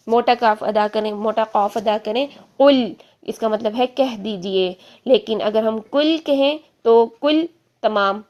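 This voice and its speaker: A woman teaching an online religious lesson, explaining step by step and repeating examples slowly. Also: on the high side, darkish tone. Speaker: Quran recitation teacher.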